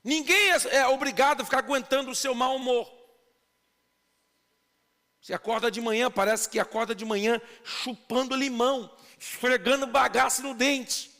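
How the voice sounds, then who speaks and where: A man with a Brazilian Portuguese accent preaching a sermon as pastor, emphatic, swinging between shouts and quiet asides. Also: extremely high pitch, fairly even intonation, moderate pace. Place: church sanctuary. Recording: long church reverb.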